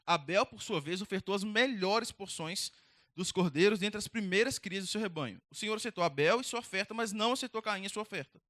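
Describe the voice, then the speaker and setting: A young man preaches to teenagers in a direct, conversational way. He talks fast in a high, bright voice. The sound is dry and close. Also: no echo. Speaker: youth pastor. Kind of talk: youth sermon.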